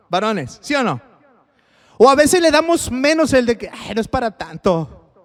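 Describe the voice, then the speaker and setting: A man's voice: very high-pitched, in a large hall. A male pastor with a Mexican accent preaching on marriage in a conversational way, often asking the congregation questions. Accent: Mexican Spanish. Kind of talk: sermon on marriage. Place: church hall.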